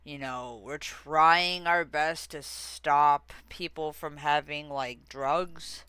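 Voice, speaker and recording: This is a streamer talking slowly and casually to viewers, drifting off topic and circling back. The voice is bright and smooth. The recording is dry and close, with no room sound. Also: medium pitch, steady tone, dry recording. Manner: rambling and easily sidetracked; frequent fillers and restarts. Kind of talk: casual livestream chat.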